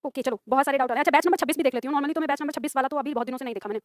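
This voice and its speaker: Fast, high-voiced woman teacher. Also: no room sound, clean studio sound. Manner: chatty, laughing, addresses students directly. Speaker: Hindi teacher. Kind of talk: live classroom lesson chat. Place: classroom with students.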